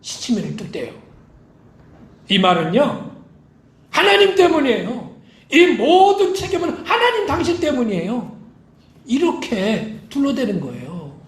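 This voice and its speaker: A man's voice: very high voice, huge pitch swings, unhurried, pauses often, roomy sound. A male pastor preaching a sermon with emphatic delivery, acting out quoted lines. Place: church sanctuary.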